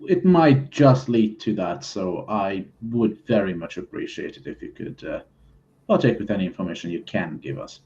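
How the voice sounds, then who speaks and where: A man improvising as a player in a tabletop game, speaking politely and haltingly. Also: low-pitched, lively intonation, dark tone, highs cut off. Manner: hesitant, halting, polite phrasing. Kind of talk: improvised in-character game talk.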